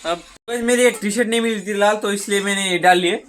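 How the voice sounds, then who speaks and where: This young adult man talks fast in a high, fairly bright voice as he vlogs casually about his day, with slight background noise. Rambling, he restarts sentences often and keeps dropping "matlab" and "guys." The footage is shot on a handheld phone outdoors, at his village home and along the roadside.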